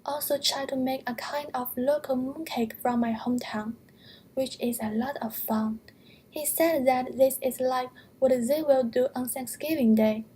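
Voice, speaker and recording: A young woman from China with a Chinese accent, a student reading a prepared narration in a careful, measured way. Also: sits high, steady tone, dark tone, breathy edge.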